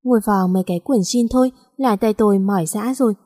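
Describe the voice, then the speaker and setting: A woman tells a first-person romance story in a plain, conversational way. Her voice is mellow and soft-edged. A long reverb echoes after her words. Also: medium pitch, fast.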